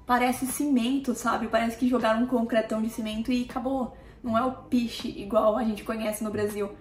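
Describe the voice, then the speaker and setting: A woman's voice: on the high side, fairly even intonation, a little fast. A woman from Brazil with a Brazilian Portuguese accent, chatting casually to her viewers as a family vlogger and often checking in with them through little tag questions. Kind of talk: casual talk to camera. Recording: roomy echo with faint music.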